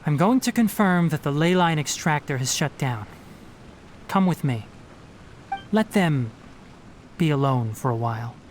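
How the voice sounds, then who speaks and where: A young male forest ranger from a fantasy game, with a fairly high voice and lively intonation. He gives instructions in a brisk, articulate, matter-of-fact way, responsible and in charge, over faint background noise. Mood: composed, businesslike. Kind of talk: video game voice acting.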